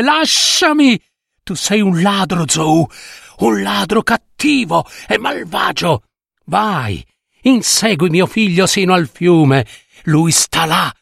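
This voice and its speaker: A grief-stricken old peasant mother from a folk tale, her cries pitched high and straining, as a man voices her. She pleads and wails with a gravelly edge in a dry, close sound. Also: a bit bright, no echo, heavily acted.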